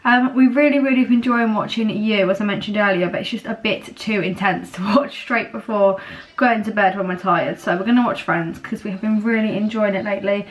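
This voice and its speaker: A woman in her twenties chatting casually to her camera at home, rambling a little and filling pauses with ums. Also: medium pitch, fairly even intonation, rough recording. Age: 20s. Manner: chatty, rambling, many fillers. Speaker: vlogger. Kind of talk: casual vlog chat. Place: at home, indoors. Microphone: camera on a small tripod.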